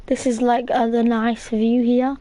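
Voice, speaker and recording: A woman's voice: on the high side, flat delivery, measured pace, mellow. A woman hosting a casual gameplay tutorial, chatty and rambling, with plenty of fillers. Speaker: gaming channel host.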